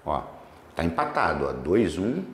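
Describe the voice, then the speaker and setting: Lively teacher in an echoey room. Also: male voice, deep voice. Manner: lively, stretches words slowly to spell out syllables. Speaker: exam prep teacher. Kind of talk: solving exam questions on grammar.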